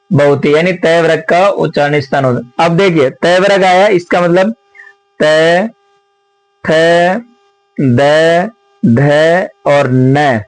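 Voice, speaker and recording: A man teaching Sanskrit grammar and working through exam questions, explaining slowly, repeating himself and asking his students many rhetorical questions. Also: on the high side, dry recording, rough recording. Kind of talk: exam question walkthrough lesson.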